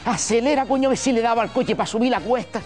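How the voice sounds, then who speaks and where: A man's voice: very high-pitched, fast, faint music behind. An older man with a Canarian accent, a humorist telling a folksy comic story on a TV gala stage. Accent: Canarian Spanish. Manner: folksy, colloquial, animated.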